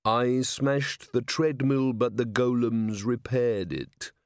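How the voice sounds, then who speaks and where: A man playing a slow, deliberate clay golem. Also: mid-range voice, clean tone, no room sound, studio quality. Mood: earnest. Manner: slow, measured, deliberate, flat. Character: slow, literal-minded male clay golem constable.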